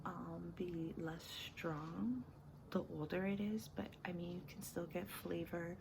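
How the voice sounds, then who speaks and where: A woman doing an intimate, halting ASMR ramble, soft-spoken and often whispering, close to the mic. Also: on the low side, vocal fry. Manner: slow, halting, intimate personal-attention talk. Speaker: ASMR host. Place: small dim room indoors. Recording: noisy room, crinkling bags. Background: crinkling and rustling bags, noise.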